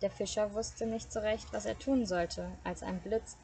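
A woman reads a fairy tale aloud for an evening session. Her voice sits at a middle pitch, and her delivery is calm and steady, with the occasional small self-correction. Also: a little slow, creaky, slight background noise.

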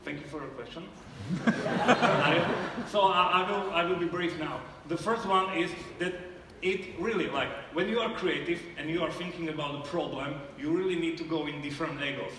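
This startup founder from Slovakia answers judges on a theater stage in a live pitch Q&A, hesitant, with many fillers and restarts. He speaks on the high side at a moderate pace, a bit bright, with a little hiss or hum. The audio comes from a far camera in the audience, echoey and distant.

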